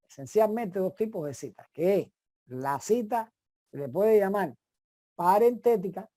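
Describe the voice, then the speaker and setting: A woman giving an online course lecture, explaining step by step with frequent restarts and pauses. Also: fairly low pitch, mellow, dry recording, clean studio sound.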